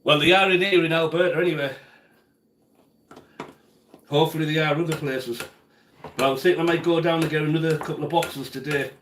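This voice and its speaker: A chatty man hosts a relaxed cooking stream, talking to his viewers by name while he works at the stove. His voice sits a little high for a man, and the home kitchen gives it a roomy, echoey sound. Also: brisk, long pauses, a little hiss or hum. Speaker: cooking livestream host. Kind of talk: casual live-stream chat while cooking.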